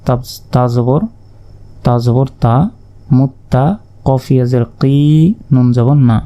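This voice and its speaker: A man teaching Quran reading in a step-by-step lesson, slowly spelling out letters and vowel marks one by one. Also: medium pitch, little pitch movement, mellow.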